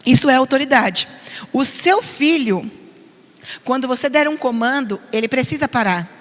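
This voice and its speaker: High-voiced pastor woman in echoing hall. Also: normal speed. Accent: Brazilian Portuguese, São Paulo. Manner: earnest, animated, mimics nagging voices. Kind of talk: parenting class sermon. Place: church hall. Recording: long reverb of a church hall.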